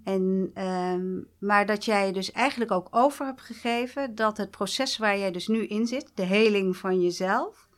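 A woman's voice: medium pitch, unhurried. A woman hosting a podcast interview, often affirming her guest and reflecting back what she hears. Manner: affirming, frequent agreeing interjections. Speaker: podcast host. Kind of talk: conversational interview.

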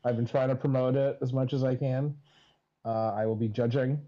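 A man with a mellow, dark voice chats as a podcast guest, hesitant and self-deprecating. His sound is dull and lo-fi. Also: mid-range voice, steady tone, normal speed. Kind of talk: casual chat.

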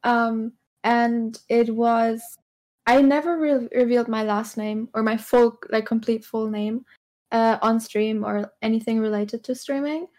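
A woman streamer talks in a casual, hesitant way, filling pauses with um and uh. Her voice sits a little higher than most. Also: fairly even intonation, darkish tone. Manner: hesitant, many ums. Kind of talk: casual chat.

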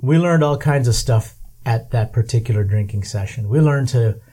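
Mellow, laid-back host who laughs often. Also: male voice, medium pitch, normal speed, husky. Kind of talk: casual chat.

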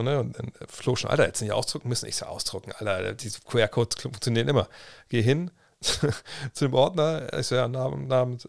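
A man's voice: medium pitch, gravelly, dry recording, studio quality. A man in his thirties, telling a casual story on a livestream, chatty and full of slang and restarts. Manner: chatty, slangy, restarts and quoted self-talk. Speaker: livestream host.

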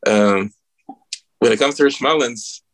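Speaking in an unhurried, medium-pitched voice, a Bahamian guest musician offers casual remarks at an event. He is earnest and reflective, often hunting for what to say.

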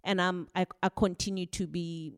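A woman on a panel, answering interview questions in a measured, reflective storytelling way. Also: lowish voice, fairly even intonation, smooth, dry recording, studio quality. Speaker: panel guest.

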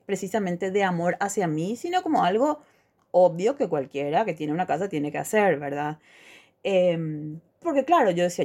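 A middle-aged woman, co-hosting a casual podcast and telling a personal story, often asking "¿verdad?". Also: on the low side. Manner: warm storytelling, acts out quoted lines, says "¿verdad?" often. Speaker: podcast co-host. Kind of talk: casual chat.

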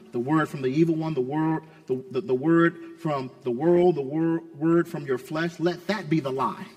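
A male pastor preaching a sermon, swinging between loud urgent peaks and hushed low asides, repeating words for emphasis. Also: slightly rough, big-room sound.

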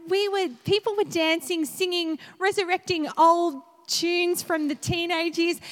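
A woman in her thirties preaching in a church hall, her very high voice carrying a long reverb. She tells a personal story in an animated way and laughs often as she goes. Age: 30s.

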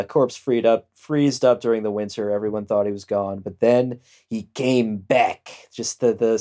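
A man's voice: on the low side, dark tone. A man co-hosting a podcast, rambling and joking in a casual chat, laughing often. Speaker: podcast co-host.

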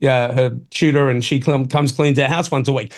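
A man's voice: medium pitch, fairly even intonation, normal speed. A middle-aged Australian man hosting talk radio, opinionated and colloquial in a blokey, tradesman-like way, often calling people mate. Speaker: talk show host.

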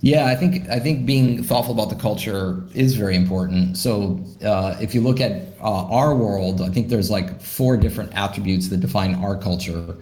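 A founder being interviewed speaks at a moderate pace with few pauses, his slightly low voice dark in tone. He thinks aloud loosely, restarting often and peppering his answers with "you know." An open room lends his voice a noticeable echo.

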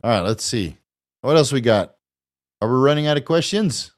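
A Dutch man from the Netherlands hosts a casual livestream Q&A, chatting loosely as he answers viewer questions and thanks donors, swearing and laughing often. His medium-pitched voice is animated at a moderate pace.

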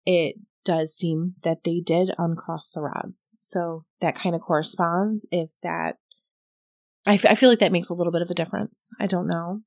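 A woman's voice: on the low side, fairly even intonation, normal speed, creaky, dry recording, studio quality. A woman hosting a casual talk about a paranormal investigation, thoughtful and explanatory, often hedging. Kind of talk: casual podcast chat reviewing audio.

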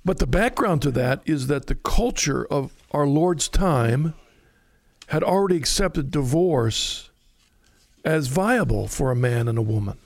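Gravelly man teaching scripture. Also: fairly high pitch, animated, unhurried, no room sound. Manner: explanatory, reads scripture aloud, stumbles over words at times. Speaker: Bible teacher co-host. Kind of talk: conversational Bible study teaching.

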